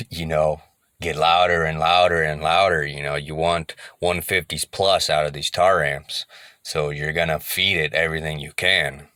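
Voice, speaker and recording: Easygoing male vlogger, very low pitch, sharp tone, close and dry. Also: no echo. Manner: rambling, easygoing, repeats himself. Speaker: car audio hobbyist. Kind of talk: casual vlog talk to camera.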